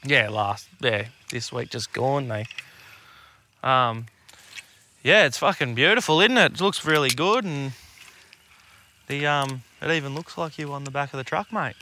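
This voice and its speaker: Medium-pitched and forceful with a bright edge, this Aussie co-host talks at a measured pace with long pauses, over a little hiss or hum. It's casual podcast chat, slangy and sweary, in a relaxed tradesman-bloke manner.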